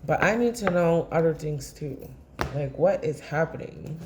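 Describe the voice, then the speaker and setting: A woman's voice: deep voice, animated, a little slow, noisy background. Blunt, cursing woman reading tarot. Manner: blunt, impassioned, swears freely; rambling, talks straight to camera. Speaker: tarot reader. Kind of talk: casual tarot reading monologue.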